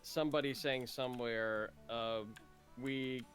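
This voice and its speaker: A man's voice: medium pitch, fairly even intonation, unhurried, a bit bright, soft background music. A man co-hosting a casual gaming podcast, rambling with many restarts and fillers. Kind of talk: casual chat.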